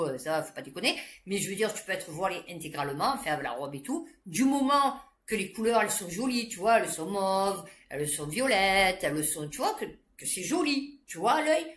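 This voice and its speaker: A woman vlogger telling stories in an animated, slangy rant, with loud outbursts and laughs. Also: on the low side. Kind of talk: casual ranting monologue. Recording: roomy echo.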